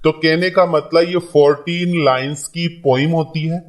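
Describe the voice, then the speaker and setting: A man's voice: on the high side, steady tone, a little slow. A man teaching an English lesson in Hindi, repeating key points and reading English lines aloud. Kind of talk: classroom lecture.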